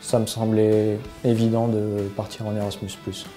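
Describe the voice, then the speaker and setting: A man's voice: on the low side, completely flat delivery, moderate pace, dark tone, faint music behind. A young man from Belgium, an apprentice talking evenly with some hesitation.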